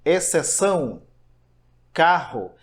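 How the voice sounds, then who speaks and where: A man's voice: on the high side, big pitch swings, extremely slow. A man teaching a grammar lesson online, explaining step by step and asking himself rhetorical questions.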